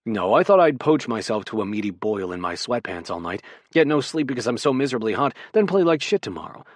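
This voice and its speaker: A man reading an audiobook, voicing a bossy, grumpy male athlete with a low, growling, clipped and sarcastic delivery. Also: a little slow, a bit bright, slightly rough, no room sound, studio quality, full character voice.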